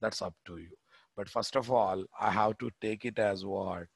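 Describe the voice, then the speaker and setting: A man's voice: fairly low pitch, steady tone, moderate pace, gravelly, husky, dry recording. Telugu-accented Indian man teaching coding, dry sound. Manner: repeats phrases, asks students rhetorical questions. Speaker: programming instructor. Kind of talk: live coding lesson.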